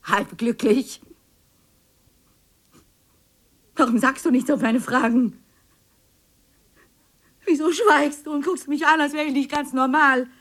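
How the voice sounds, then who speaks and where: Lonely wife in a radio drama, slow and kinda high, whispers then near tears. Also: female voice. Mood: pleading. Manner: shifts between hushed whispers and tearful pleading. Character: neglected wife pleading with her husband. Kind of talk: radio play acting.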